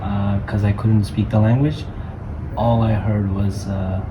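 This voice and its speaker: A man's voice: lowish voice, little pitch movement, unhurried, noisy background. A man who grew up in Portugal, now running a hostel, talking casually in an interview.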